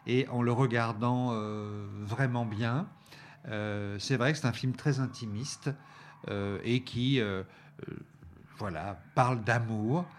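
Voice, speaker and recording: A man's voice: medium pitch, slow, a little hiss or hum. A man reviewing DVDs on a talk show, speaking with many hesitations, fillers and restarts. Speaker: film reviewer presenting a DVD selection. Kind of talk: radio-style review chat.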